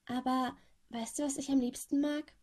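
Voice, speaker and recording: A woman voicing an overexcited Polish teenage boy who rambles on and on, with a slightly husky voice. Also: high voice, fairly even intonation, moderate pace, a little mellow, voice pushed up, natural voice. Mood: rambling.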